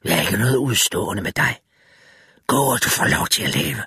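Undead drowned man, read by a male narrator: low, slurred, threatening, dry close mic. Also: big pitch swings, pushed and bright, breathy edge, dry recording, full character voice. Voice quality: low, slurred, half-whispered. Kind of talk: audiobook narration.

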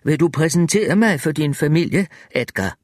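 A wry, gracious old lady, frail but sharp, as a male narrator voices her, speaking in a raised, lighter register. Her remarks come out dry and teasing. The sound is close and dead, like a studio audiobook. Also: on the high side, animated, no echo, voice pushed up.

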